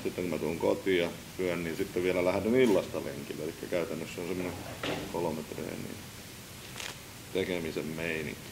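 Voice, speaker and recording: Low-voiced man, easygoing documentary talk. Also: background noise. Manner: relaxed, chatty, uses fillers like "tota". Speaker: entrepreneur, artist and athlete. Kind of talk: casual documentary interview.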